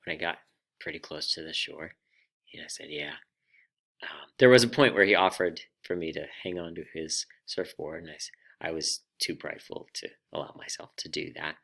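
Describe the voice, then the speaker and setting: A man hosting a personal finance vlog, telling a story in an animated, self-deprecating way. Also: very deep voice, brisk, creaky. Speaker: vlog host.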